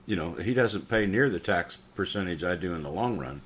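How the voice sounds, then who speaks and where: Blunt, profane man with a very deep voice. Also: expressive, brisk, fairly bright tone, a little hiss or hum. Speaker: podcast co-host. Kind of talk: casual political rant.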